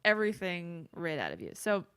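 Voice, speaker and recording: A woman co-hosting a podcast, telling a true-crime story in casual chat, with lots of fillers and quick quoted asides. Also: fairly low pitch, wildly swooping pitch, fairly bright tone, clear, resonant tone. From not from England. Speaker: podcast co-host.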